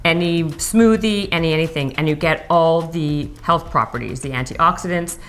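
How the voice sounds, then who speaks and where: A woman's voice: sits low, moderate pace, a bit bright. Chatty woman hosting a cooking show. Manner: chatty, repeats words while searching for them. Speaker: host. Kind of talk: casual cooking chat.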